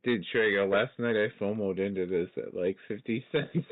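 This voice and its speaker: A man's voice: lowish voice, normal speed. A man in a casual group chat about trading, laughing often, swearing and exclaiming. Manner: giggly, swears a lot, exclaims. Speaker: crypto trader in group call. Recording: tinny online voice call.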